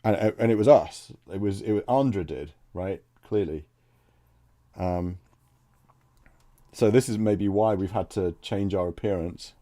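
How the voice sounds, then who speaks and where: A man streaming a text adventure, reading the game text aloud and thinking out loud between passages. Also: low-pitched, measured pace, pauses often, dry recording, studio quality. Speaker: let's play streamer.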